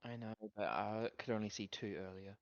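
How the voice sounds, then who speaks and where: A man's voice: lowish voice, fairly even intonation, vocal fry, no echo. Muffled, hesitant man role-playing casually. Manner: hesitant, halting, naively friendly. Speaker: tabletop game player. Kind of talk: casual in-character role-play chat. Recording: dull lo-fi dry microphone.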